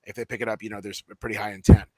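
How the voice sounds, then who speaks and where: A man teaching telemarketing in a loose, conversational way, with many fillers, calling his listeners guys. He says he has a mild headache and sounds a little low on energy. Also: flat delivery, rapid-fire, mellow, no echo, rough recording. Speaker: telemarketing coach. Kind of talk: casual spoken tutorial.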